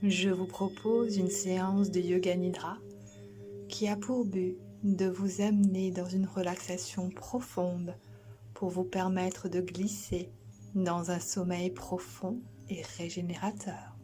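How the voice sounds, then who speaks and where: A yoga instructor guides a sleep relaxation, her voice soft, breathy, and soothing, often dropping close to a whisper, with long pauses. She speaks in a lowish voice with little pitch movement, over music.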